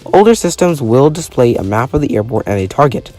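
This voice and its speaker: Reading scripted educational narration for an explainer video, a man sounds very animated and mellow, with a mid-range voice moving a little fast. The tone stays formal and factual, music plays underneath, and he sometimes stumbles on a word.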